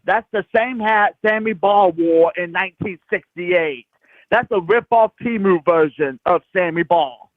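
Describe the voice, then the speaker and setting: A man from Florida calls in to a sports show over the phone and rambles excitably through his points with plenty of jokes. His voice sits high, and the line is thin and tinny. The sound is dry and close. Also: unhurried, no echo. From Crestview, Florida, US. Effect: heard over a phone line. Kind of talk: casual phone-in chat.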